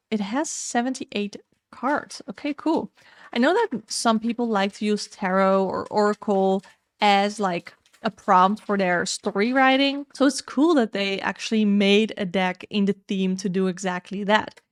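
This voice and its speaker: A young Dutch-speaking woman, a tarot YouTuber, reviews upcoming tarot and oracle decks in a chatty, candid way, giving frank opinions. Her voice sits in the mid-range, with no room sound.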